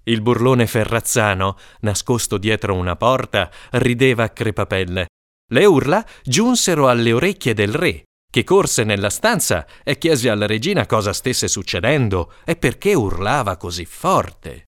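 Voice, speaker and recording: A man narrating a comic folk tale in an animated storytelling manner. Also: lowish voice, moderate pace, dry recording, studio quality. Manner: lively, animated storytelling with character voices.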